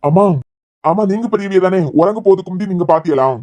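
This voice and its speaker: A woman voicing a stern family elder in a cartoon serial, curt and sharp with a Kanyakumari Tamil accent. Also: lowish voice, fast, no echo, dull audio, close to an everyday voice. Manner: curt, telling others to shut up.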